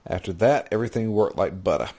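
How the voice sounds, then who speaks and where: A man's voice: sits low, lively intonation, fast, dark tone. A man co-hosting a gaming podcast in casual chat, rambling and correcting himself as he reads an email and gives his take. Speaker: podcast co-host.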